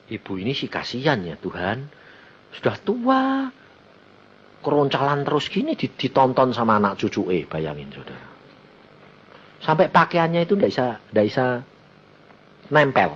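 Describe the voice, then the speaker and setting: A man's voice: medium pitch, slightly rough. A man preaching a storytelling sermon, acting out the voices of people in his story. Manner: animated, acts out dialogue in the story. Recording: muffled lo-fi sermon recording.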